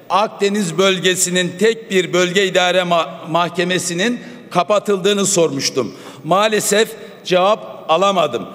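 Give me a high-voiced man speaking at a rostrum microphone, with long reverb from a large hall. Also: fairly bright tone. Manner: measured, formal oratory with pointed appeals. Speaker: member of parliament. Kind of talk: formal parliamentary speech.

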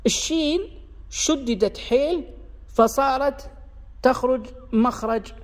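A man with a Gulf Arabic accent giving an explanatory lesson on dialects, repeating sounds slowly to demonstrate them and sketching a diagram as he explains. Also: very high-pitched, in a large hall. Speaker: dialect linguistics teacher.

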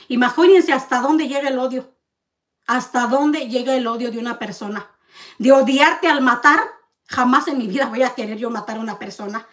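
A woman rants to camera in her vlog, accusing and bitter. Her voice sits high, and she stacks up hard rhetorical questions. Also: a bit bright. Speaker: vlogger. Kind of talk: heated confrontational rant to camera.

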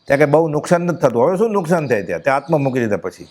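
A man with a Gujarati accent leads a devotional discourse, his voice sitting a little high for a man. He chants verses at a slow pace, then drops into plain explaining speech. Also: sing-song, darkish tone. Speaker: spiritual discourse speaker.

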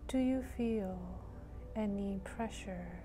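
Speaking gently and calmly, a woman leads a guided meditation, letting long silences fall between brief phrases. Her pitch is medium.

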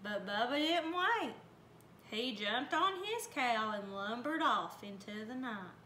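Lively, bright-voiced woman storyteller. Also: on the high side, slow. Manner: expressive, folksy storytelling. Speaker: volunteer reader. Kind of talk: storybook read aloud. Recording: roomy, faint background noise.

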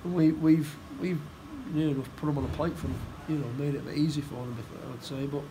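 A middle-aged football manager giving a post-match interview, plain-spoken and halting, often repeating his words. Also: on the high side, fairly even intonation, background noise. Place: indoor room by a stadium door.

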